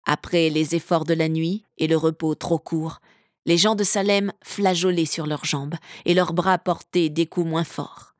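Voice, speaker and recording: Woman narrating an audiobook, low-pitched. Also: fairly even intonation, a little slow, a little mellow, no echo, studio quality.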